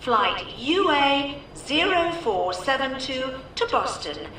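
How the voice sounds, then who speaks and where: Female airport announcer, slow formal delivery, high bright voice, scripted public address. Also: big pitch swings, heavily acted. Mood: formal, measured. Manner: measured, repetitive, formal. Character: airport announcer reading flight delays and boarding calls. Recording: echoey, distant, hissy airport tannoy sound.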